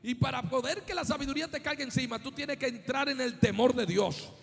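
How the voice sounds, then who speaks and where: A man from Colombia preaching a sermon as pastor, swinging from hushed asides to shouted, sung-out climaxes. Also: extremely high pitch, steady tone, fast talker, in a large hall.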